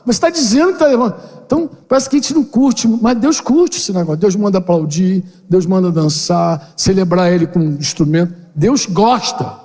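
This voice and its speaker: An older man, a pastor, giving a lively conversational sermon to a seminar, acting out little dialogues with playful slang. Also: high voice, brisk. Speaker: pastor leading a parenting seminar. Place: church building hall. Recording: long hall reverb.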